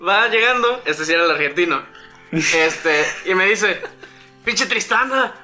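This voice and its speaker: A man's voice: on the high side, lively intonation, moderate pace, sharp tone, faint music behind. A man with a Mexican accent chatting casually about games, slangy and rambling with lots of fillers. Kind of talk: casual gaming chat.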